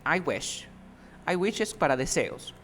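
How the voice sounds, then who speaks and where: A man's voice: fairly high pitch, big pitch swings, slow, a bit bright, slight background noise. A man teaching English one-on-one, giving feedback patiently and explaining step by step while often checking that his student understands.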